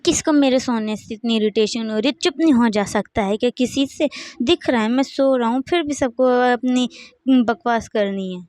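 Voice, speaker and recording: A woman's voice: on the high side, darkish tone, no room sound, clean studio sound, natural voice. A woman voicing a rude, rebellious young man who talks sleepily or irritably in a storybook reading. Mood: irritated. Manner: sleepy and slow, then irritated.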